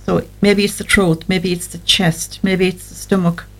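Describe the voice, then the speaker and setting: A woman's voice: on the low side, little pitch movement, normal speed, low-quality recording. A woman speaking as a guest therapist, giving explanatory advice in an interview. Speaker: guest anxiety therapist on a show.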